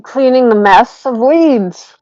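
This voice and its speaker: A woman's voice: on the high side, lively intonation, takes it slowly, dark tone, no echo, faint music behind. A woman playing a tabletop role-playing game, playful and giggly. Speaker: player. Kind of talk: tabletop role-play banter. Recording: dry, dull lo-fi audio.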